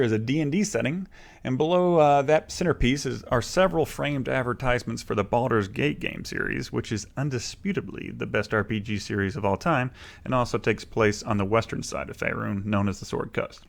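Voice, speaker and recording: A man with a medium-pitched voice acts as the guide on a casual video tour. He narrates his own room as he shows it to viewers. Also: creaky.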